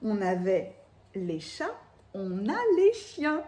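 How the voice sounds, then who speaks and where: A woman's voice: mid-range voice, big pitch swings, slow pace, dark tone. A woman with a lisp on her s sounds gives a chatty, enthusiastic tarot reading, speaking off the cuff. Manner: enthusiastic, exclamatory. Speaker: tarot card reader. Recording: echoey room.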